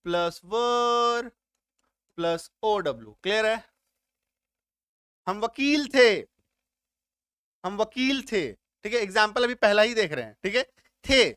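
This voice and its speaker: A man with a high voice teaches an English grammar lesson at an unhurried pace. He walks through each step and keeps asking whether the point is clear. The recording is dry and close, with no room sound. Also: bright, forceful tone, dry recording. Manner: explains step by step, keeps checking if students understood.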